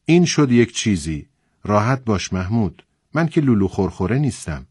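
A man reading the part of a gentle middle-aged commander with a low, dry voice. He talks softly and reassuringly to a nervous young soldier. The reading is close and studio-clean, with no room sound. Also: sing-song, breathy edge, dry recording. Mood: gently reassuring. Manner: gentle, reassuring, soft-spoken. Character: kind, calm middle-aged male army commander.

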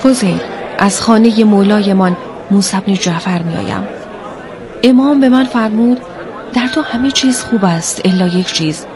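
A woman's voice: medium pitch, crowd noise, natural voice. Woman reading an earnest, impassioned devoted man. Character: troubled, devoted male camel owner.

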